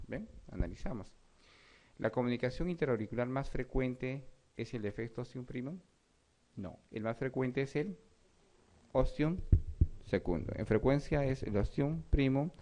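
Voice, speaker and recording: A medical lecturer with a warm, medium-pitched male voice gives an exam review lecture. He reads out questions, explains each one, and often checks in with his students.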